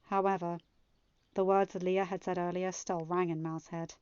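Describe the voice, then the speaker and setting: A woman narrates and hosts a podfic, reading a story aloud and sometimes chatting casually with her listeners. Her voice sits on the low side with little pitch movement, at a normal, smooth pace. The recording is dry and slightly muffled with no echo, and quiet music plays underneath.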